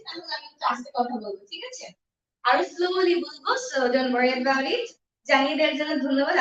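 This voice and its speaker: Woman, online English teacher, high voice, slow deliberate English, dull lo-fi sound from a distance. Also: bright, forceful tone. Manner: switches between Bengali and slow deliberate English. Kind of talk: live-streamed language lesson. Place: room at home. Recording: echoey, distant, dull home mic.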